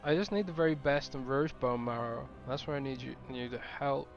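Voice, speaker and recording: A man's voice: mid-range voice, brisk, lo-fi sound, faint music behind, close to an everyday voice. A man reading aloud the lines of a motherly female quest giver from a game, with relish. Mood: eager.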